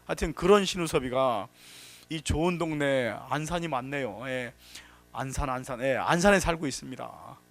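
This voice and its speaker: In a workshop hall, a man with a gravelly, medium-pitched voice delivers a safety lecture at a moderate pace. He tells anecdotes, acts out quotes, and gives emphatic warnings.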